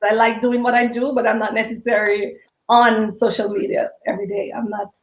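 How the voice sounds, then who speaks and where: Speaking rather quickly in a higher, level voice, a woman in her fifties with a Jamaican accent tinged by British and American sounds laughs often and chats casually as a live-stream guest. She owns a small business, and the audio has an echoey room with the highs cut off.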